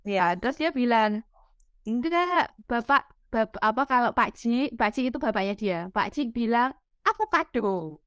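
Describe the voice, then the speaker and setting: Candid mother in casual chat, fairly high smooth voice, dry close recording. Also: expressive, measured pace, fairly bright tone, no echo. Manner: candid, self-deprecating, quotes her child. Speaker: parent sharing experience.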